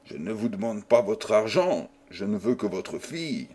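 A man reading an audiobook voices a humbled young man who answers quietly and defensively. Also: on the low side, big pitch swings, normal speed, slightly rough. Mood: protesting. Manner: subdued, murmuring.

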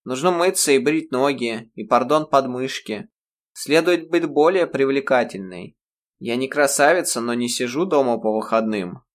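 A man voicing a self-assured teenage schoolgirl in an audiobook, giving blunt advice in a raised, brisk voice. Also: medium pitch, expressive, pitched above the performer's own voice, lightly acted. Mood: lecturing. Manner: lecturing, brisk, matter-of-fact.

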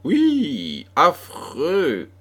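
A man voicing a troubled mother who speaks gravely and sorrowfully to her daughter, in an audiobook. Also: on the high side, huge pitch swings, very slow, fairly bright tone, voice pushed up, exaggerated voice. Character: grieving, troubled mother with a dark secret.

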